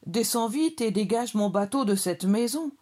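A woman's voice: fairly high pitch, animated, normal speed, dark tone, pitched above the performer's own voice. A woman voicing a small, impatient young boy mouse who calls out urgently and demands help.

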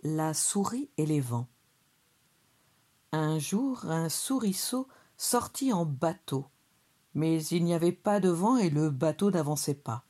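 A woman reading a children's story aloud in a calm, measured way. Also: deep voice. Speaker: storybook reader.

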